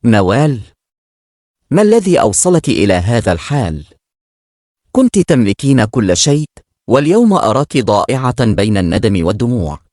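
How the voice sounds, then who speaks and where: A devout, sorrowful man offers faith and comfort, read by a male storyteller. His voice is middle-pitched with animated pitch movement, recorded dry and close. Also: normal speed, long pauses, no echo, lightly acted. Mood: stern. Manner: earnest, consoling. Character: grave devout man, gentle and sad.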